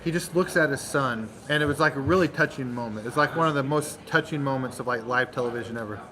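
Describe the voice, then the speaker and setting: A man hosting a channel, telling a long joke in casual storytelling style, animated and full of dramatic pauses. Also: mid-range voice, low-quality recording. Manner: animated, dramatic pauses, acts out crowd voices. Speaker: channel host.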